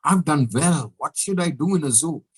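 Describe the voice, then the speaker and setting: A jobless, educated young man grumbles but gives in, voiced by a male storyteller. His tone is resigned and a little reluctant, pitched high. It is close to the teller's own voice. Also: animated, moderate pace, husky.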